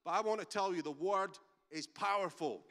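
A Scottish man leads a church service as its pastor, his voice sitting high for a man. He preaches emphatically in a conversational way, moving between stories and prayer. The sound carries the long reverberation of a large church hall. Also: moderate pace, pushed and bright. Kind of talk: sermon with storytelling and prayer.

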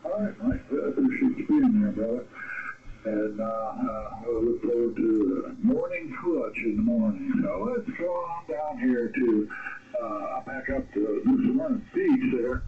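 A man's voice: medium pitch, huge pitch swings, measured pace. A man running an amateur radio net in an easygoing, folksy way, heard over a radio transmission. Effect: radio transmission with static. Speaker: net control operator. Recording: tinny radio audio with loud static.

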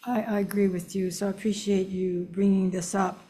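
A woman in her sixties chairing a legislative hearing at a desk microphone, questioning in a measured, formal way. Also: mid-range voice, flat delivery, warm tone, slightly rough. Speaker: committee chair. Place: hearing room.

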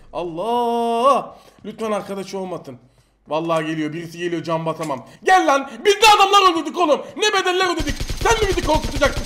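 A young man giving joking, excitable commentary over a mobile shooter game, talking to enemies and viewers. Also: sits high, slight background noise. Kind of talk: live gameplay commentary.

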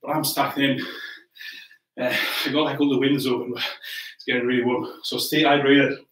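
A male fitness coach talks a little fast in a bright, level, medium-pitched voice while instructing a live home workout. He cheerfully counts down and cues moves as he exercises, breathing hard between them, with upbeat encouragement. Recorded by a laptop camera from across a warm room at home, the sound has a roomy echo from the distant mic.

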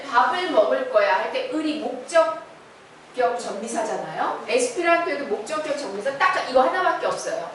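A woman teacher with a fairly high, lively voice explains points step by step and asks the class questions. She is heard from a distance in a very echoey hall. A faint hiss of room noise sits underneath her voice. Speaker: Esperanto lecturer. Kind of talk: classroom lecture.

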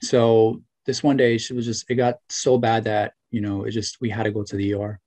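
A man's voice: lowish voice, flat delivery, moderate pace, a little mellow, dry recording. A young man in his twenties, a guest on a video call interview, talking earnestly with lots of "you know" and "right". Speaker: interview guest, former student. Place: small room at home. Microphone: webcam or laptop mic on video call.

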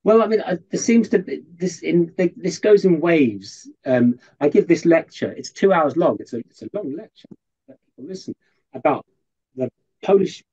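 Earnest storytelling man, husky and warm. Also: a little high, expressive, moderate pace, highs cut off. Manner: earnest, storytelling with vivid quoted asides. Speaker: professor giving a guest interview. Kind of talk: conversational interview storytelling.

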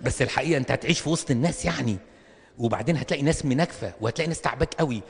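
Fast-talking Egyptian preacher in a hall. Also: male voice, medium pitch. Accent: Egyptian Arabic. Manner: animated, acts out little dialogues, rhetorical questions. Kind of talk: comic sermon to an audience. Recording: long reverb of a hall.

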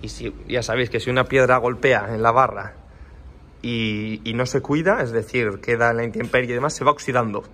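A man's voice: mid-range voice, steady tone, fairly quick, pushed and bright. A man, a custom motorcycle builder, giving a detailed casual walkaround of a bike in an indoor workshop, filmed on a handheld phone. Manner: explanatory, detailed, pointing out parts as he goes. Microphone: handheld phone camera.

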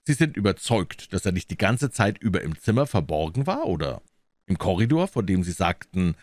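A man reading a low, measured detective. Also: very animated, darkish tone, dry recording, studio quality. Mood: calm, probing. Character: shrewd calm male detective, middle-aged. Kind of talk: audiobook reading.

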